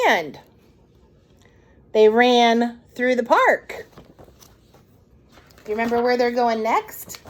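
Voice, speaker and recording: For a storytime session, a woman with a fairly high voice reads a picture book aloud to young children, expressive throughout and slipping in conversational asides.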